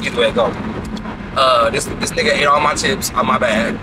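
A man's voice: mid-range voice, fairly even intonation, fairly quick. A young man chatting casually and playfully to the camera in a loose vlog style, recorded from arm's length inside a car. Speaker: vlogger. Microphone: handheld camera at arm's length. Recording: loud road noise in a car. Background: car and road noise.

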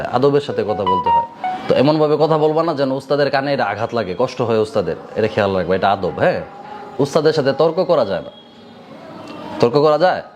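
A man with a colloquial Bangladeshi Bengali accent teaching madrasa students a moral lesson, repeating each point back to them as a question. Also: medium pitch. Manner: quizzes listeners with repeated rhetorical questions. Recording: steady background noise.

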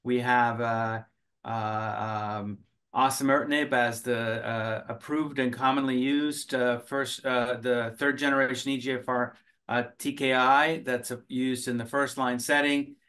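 A middle-aged man, raised in Finland, speaks at a medium pitch over a video call. He answers steadily and thoughtfully, stopping often for filler sounds and restarting his sentences. He sounds like a researcher talking about his work from a home office. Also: level tone, a little slow, pushed and bright. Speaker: cancer researcher and oncologist.

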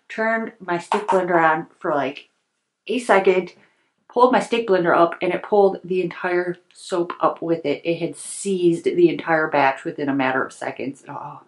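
A chatty woman who hosts a soap-making channel talks through her work at a home kitchen table, filmed from above, thinking aloud as she mixes. Her voice is on the low side and shifts from soft to lively, and the audio quality is poor.

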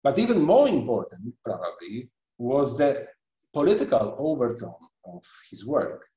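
A middle-aged man giving an online history lecture over a webcam video call, speaking in a measured way with frequent pauses and restarts. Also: medium pitch, sing-song, mellow, reverberant, low-quality recording. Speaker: guest lecturer. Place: indoor room at a computer.

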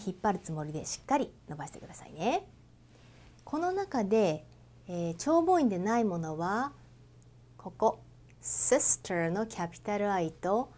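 A woman teaching English pronunciation, holding out long vowels and giving gentle, encouraging instructions. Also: mid-range voice. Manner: models drawn-out vowels and slow example sentences. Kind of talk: pronunciation lesson.

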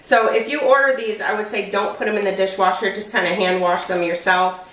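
Brisk and a bit bright, a medium-pitched woman's voice with fairly even intonation talks through her meal prep at home. She's in her forties and chats casually, explaining every step. The far-off camera gives the kitchen an echoey sound.

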